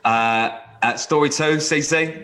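Bright-voiced British man hosting casual banter. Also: on the high side, a little slow. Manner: blunt, sweary. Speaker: game show podcast host.

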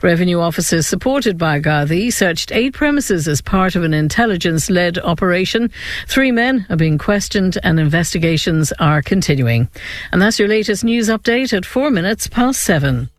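A man's voice: high-pitched, expressive, moderate pace, no room sound. An Irish man reading a scripted radio news bulletin. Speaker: newsreader. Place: radio studio.

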